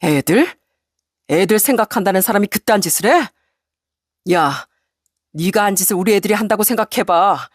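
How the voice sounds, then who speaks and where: A cold, unbending middle-aged husband voiced by a woman reader lays out his terms in a flat, deliberate way. Her pitch stays in a middle range, and the recording is dry and close. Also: no room sound, natural voice. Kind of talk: storybook radio narration.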